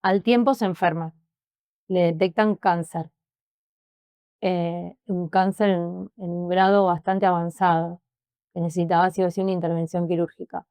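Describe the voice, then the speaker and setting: Halting Rioplatense woman telling her story. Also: on the low side, steady tone, darkish tone, dry recording, studio quality. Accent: Rioplatense Spanish. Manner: emotional, halting, repeats words while recounting. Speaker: interview guest. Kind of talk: personal testimony in conversation.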